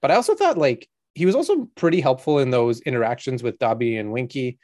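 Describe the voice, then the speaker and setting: A man's voice: medium pitch, very animated, quick pace, darkish tone. Man casually recapping a book chapter. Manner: chatty, filler-heavy recap. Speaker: podcast co-host.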